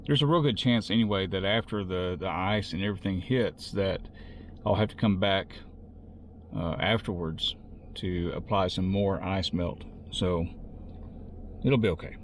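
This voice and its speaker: A man's voice: sits low, unhurried, a little hiss or hum. A man with a Southern American accent, narrating his work in a casual vlog from cold outdoor parking lots. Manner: chatty, explains as he works. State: out of breath. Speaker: vlogger spreading ice melt.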